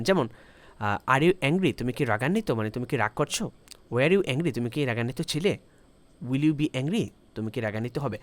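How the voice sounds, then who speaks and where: Male tutor, mid-pitched voice, patient and repetitive delivery for a spoken English lesson. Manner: explains slowly, repeating each example sentence in both languages. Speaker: English teacher.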